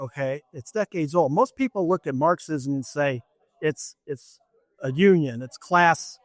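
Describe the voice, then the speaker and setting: Emphatic lecturing man, higher voice. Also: measured pace, dry recording. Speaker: political candidate. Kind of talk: campaign interview.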